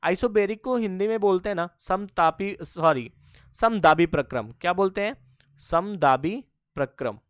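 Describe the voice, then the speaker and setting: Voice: mid-range voice, lively intonation, moderate pace, clear, resonant tone, no echo, clean studio sound. A physics teacher giving a lesson, who keeps asking questions and answering them, repeating each key term and calling the students kids. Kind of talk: classroom-style lecture.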